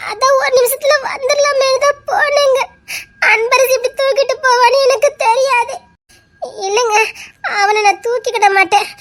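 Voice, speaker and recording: A woman voicing a timid, frightened young wife with a Tirunelveli Tamil accent, in a web-series drama. She sobs and speaks hesitantly. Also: very high-pitched. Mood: fearful. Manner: sobbing, hesitant.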